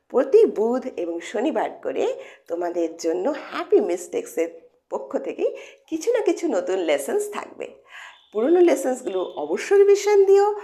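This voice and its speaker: A woman's voice: fairly high pitch, dark tone. A woman teaching English pronunciation to students, explaining patiently step by step and often checking with questions. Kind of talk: lesson for students.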